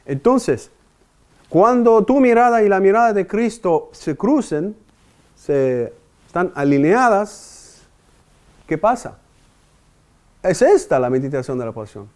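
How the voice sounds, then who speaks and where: A man's voice: high voice, sing-song, takes it slowly, long pauses, darkish tone. A man preaching a meditation talk, asking his audience questions and speaking emphatically.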